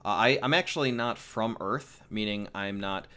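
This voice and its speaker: This 21-year-old man from the United States has a lowish, sharp and clean voice and speaks at normal speed. He answers viewer questions casually in a Q&A vlog, rambling and joking, with fillers and repetitions.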